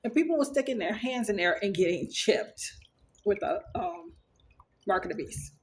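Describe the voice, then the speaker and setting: A woman vlogger tells the camera a story about her dreams in a casual, rambling, earnest way, filled with fillers and restarts. Her mid-range voice is animated and moves at a moderate pace.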